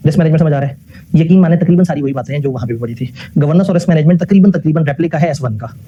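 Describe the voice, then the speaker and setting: Man, lecturer, quick speech, raspy tone, asks the class questions. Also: on the high side, dark tone, lo-fi sound. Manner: asks the class questions and answers them himself; mixes English technical phrases into his talk.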